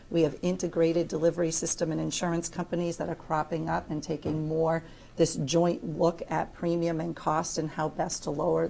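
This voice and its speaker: Low gravelly American woman panelist. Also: mellow, a little hiss or hum. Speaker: panelist, insurance executive. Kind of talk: panel discussion remarks. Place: conference room panel.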